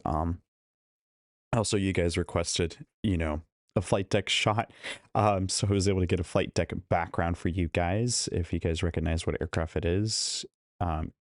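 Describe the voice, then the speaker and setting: Losing his voice in a hotel room, a man hosts a casual live stream, greeting and chatting with viewers one at a time. His voice sits low and there's no echo, captured by a studio microphone connected to a laptop.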